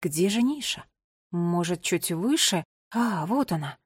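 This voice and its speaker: A woman reading an audiobook voices a stern queen of small creatures who speaks in a hushed, grave way. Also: lowish voice, lively intonation, measured pace, breathy edge, dry recording, clean studio sound. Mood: searching.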